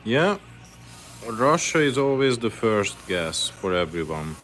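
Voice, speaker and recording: This lure maker from Hungary speaks slowly, with big pitch swings, in a low, slightly bright voice carrying a Hungarian accent. Soft music plays as he paints fishing lures in his workshop on a livestream, chatting casually and answering viewers' questions between tasks.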